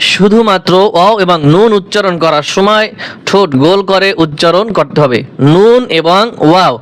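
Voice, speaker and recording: A male Quran teacher giving a lesson on letter pronunciation. He speaks patiently, drawing letters out slowly and asking questions before he answers them. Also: high voice, a bit bright, clean tone, no room sound. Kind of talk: recitation lesson.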